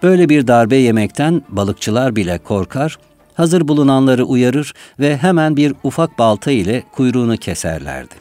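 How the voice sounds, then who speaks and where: A man narrating a literary, memoir-style text in a measured, unhurried way. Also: medium pitch, a little mellow, no echo. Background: faint music.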